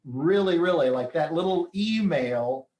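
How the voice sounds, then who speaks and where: A man hosting a casual chat, telling news stories in a relaxed, chatty way with plenty of fillers. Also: a little high, a little slow, roomy sound. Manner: chatty storyteller with frequent fillers. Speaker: host.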